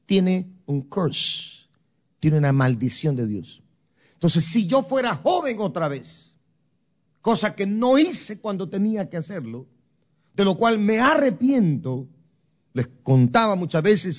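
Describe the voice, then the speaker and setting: An older man from Guatemala with a Guatemalan accent, giving an emotional sermon testimony with dramatic storytelling that swings from loud to soft. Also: on the high side. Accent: Guatemalan Spanish. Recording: dull lo-fi recording.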